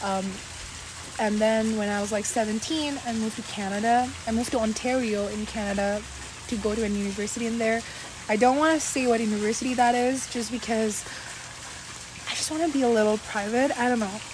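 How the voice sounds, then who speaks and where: A chatty young woman in her twenties talks through a casual about-me vlog, confiding and full of fillers. Her voice sits a little high. A steady hiss of noise runs under the recording. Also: a little fast. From Saudi Arabia. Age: 20s. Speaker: content creator.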